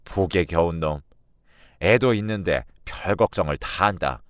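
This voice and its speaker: A man's voice: deep voice, measured pace, fairly bright tone, dry recording, clean studio sound, voice pushed down. A man voicing blunt, mocking male friends in a radio drama. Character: teasing male friends over drinks.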